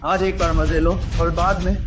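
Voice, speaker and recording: A man's voice: sits high, level tone, normal speed, over music, natural voice. A man dubbing a sly drug pusher who coaxes and gloats. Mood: coaxing. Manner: coaxing, smug. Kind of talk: dubbed drama acting.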